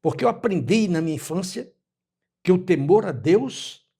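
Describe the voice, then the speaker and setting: A man in his eighties from Brazil, speaking as an interview guest in a measured, reflective way and quoting scripture and proverbs. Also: sits high, expressive, gravelly, dark tone, husky. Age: 80s. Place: his home.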